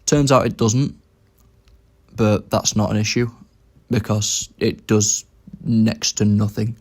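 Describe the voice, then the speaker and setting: Low-voiced man narrating his gameplay. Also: steady tone, slow. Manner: thinks aloud about his moves. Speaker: game commentator. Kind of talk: casual gameplay commentary.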